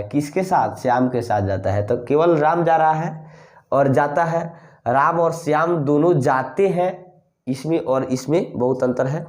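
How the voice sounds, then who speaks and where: A man teaching a Sanskrit grammar lesson, speaking slowly and repeating phrases as he writes on a board. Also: on the high side, echoey room. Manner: slow, repeats phrases while writing on a board.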